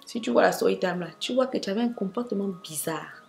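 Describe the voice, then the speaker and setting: A woman's voice: medium pitch, fast talker, creaky, soft background music. A young woman telling a dramatic storytime vlog, talking straight to her viewers with asides. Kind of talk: animated storytime monologue.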